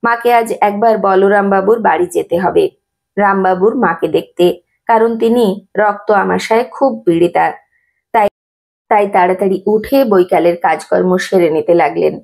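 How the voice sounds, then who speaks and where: Woman reading a devotional memoir aloud, steady and reverent, kinda gravelly voice. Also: mid-range voice, measured pace. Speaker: narrator.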